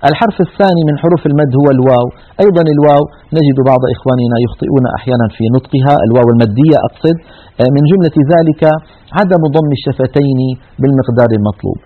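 A man with a mid-range, expressive voice speaks very fast while teaching Quran recitation, earnestly demonstrating each tajweed sound. The audio sounds tinny and narrow, as if over a radio.

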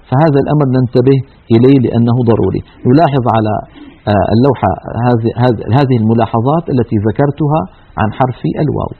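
A man teaching Quran recitation in an earnest tajweed lesson, demonstrating each sound. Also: fairly high pitch. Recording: tinny narrow-band radio sound.

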